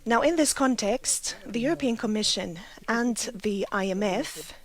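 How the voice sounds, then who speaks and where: A meeting delegate from Malta makes an argumentative statement at a formal meeting, often restarting her sentences. Her voice is a little high and animated, and she speaks unhurriedly.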